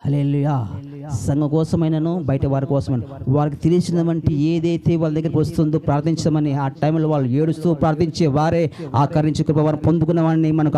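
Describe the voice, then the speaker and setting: A man's voice: on the high side, warm tone. A male pastor preaching a sermon to church workers, asking the congregation rhetorical questions. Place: church hall.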